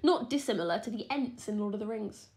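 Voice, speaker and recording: Lively woman reading folklore. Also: medium pitch, quick pace. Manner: lively, playful, giggly asides. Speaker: podcast co-host. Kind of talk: reading a folklore story, casual chat.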